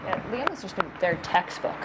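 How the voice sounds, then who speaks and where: A woman's voice: on the low side, animated, normal speed, over a noisy crowd, very noisy. A woman giving live golf commentary, explaining how the players are doing.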